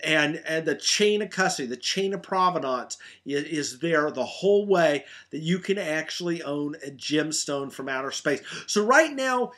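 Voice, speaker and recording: A middle-aged man speaks in a slightly high voice, talking casually to camera. He is eager and loose, with many ums and restarts. His pitch sits a little above most men's. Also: animated, normal speed, few pauses, fairly bright tone. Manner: enthusiastic, many fillers and restarts. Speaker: meteorite hunter presenting gemstones. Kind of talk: casual product talk to camera.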